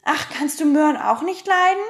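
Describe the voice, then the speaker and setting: Pippi, a woman doing a hoarse fearless girl. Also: sits high, moderate pace, pitched above the performer's own voice, natural voice. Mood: cheeky. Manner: boastful, playful. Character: bold cheeky girl adventurer, fearless. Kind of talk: audiobook reading.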